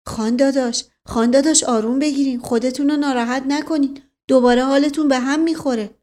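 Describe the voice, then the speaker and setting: A woman voicing a worried middle-aged colonel, anxious and hurried, in a storybook reading. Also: high voice, fairly even intonation, warm tone, voice pushed up, natural voice.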